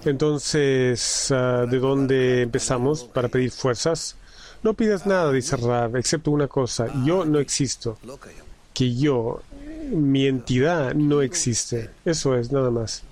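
Slow, halting male interpreter. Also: medium pitch, fairly even intonation, darkish tone. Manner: halting, with frequent restarts and repeated words. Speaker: simultaneous interpreter. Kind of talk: live interpretation of a spiritual lesson.

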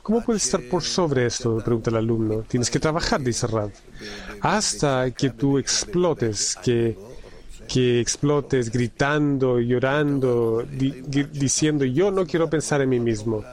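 A man interpreting a spiritual lesson live. He relays it in halting phrases, with frequent restarts and repeated words. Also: medium pitch, darkish tone. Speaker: simultaneous interpreter.

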